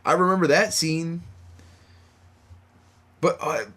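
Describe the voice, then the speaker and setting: A man's voice: on the high side, steady tone, slow, fairly bright tone. A man hosting a horror podcast in casual chat, tired late at night, talking in a loose, rambling, profane way. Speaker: podcast host.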